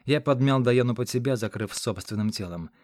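A man's voice: mid-range voice, a little mellow, no room sound. Man reading a fantasy audiobook, dry sound. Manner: dramatic, measured reading. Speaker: audiobook narrator. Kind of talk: first-person audiobook narration. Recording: dry close studio sound.

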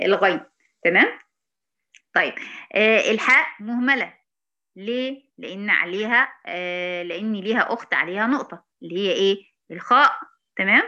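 Bright-voiced Egyptian woman teaching recitation. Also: medium pitch, lo-fi sound. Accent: Egyptian Arabic. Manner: patient, repeats sounds slowly to demonstrate, checks in often. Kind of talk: online tajweed lesson.

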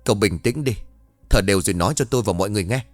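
A man's voice: lowish voice, rapid-fire, no echo, soft background music, natural voice. Man voicing a firm old village chief. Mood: firm, calm. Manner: firm, authoritative instructions. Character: older male village chief, calm and commanding.

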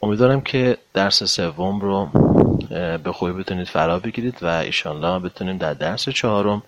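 A man teaching a language lesson, drawing out English example phrases slowly between brisker explanations. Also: sits low, very noisy. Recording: dull lo-fi recording.

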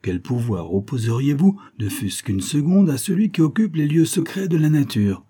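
A man voicing a menacing dark giant, an immortal demonic being who speaks with scorn and threats, in an audiobook. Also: fairly high pitch, sing-song, moderate pace, slightly rough, pitched above the performer's own voice. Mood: scornful.

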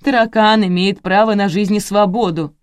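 A woman's voice: mid-range voice, fairly even intonation, normal speed, smooth, no room sound, pitched above the performer's own voice, lightly acted. A woman reading the part of an indignant, bossy older mother-in-law in an audiobook.

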